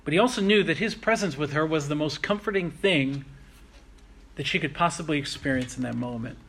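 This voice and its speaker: A man preaching a sermon, earnest and reflective, slowing down to stress key phrases. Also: on the high side, fairly bright tone, slight background noise. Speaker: pastor.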